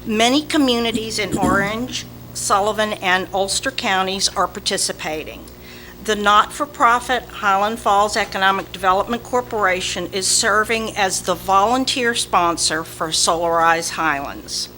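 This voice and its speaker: Southern lady w a slow drawl reading an announcement at a town meeting, bright voice, bit of noise. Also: medium pitch. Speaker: volunteer community representative at a village meeting. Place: indoor village board meeting. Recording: noisy public meeting room recording.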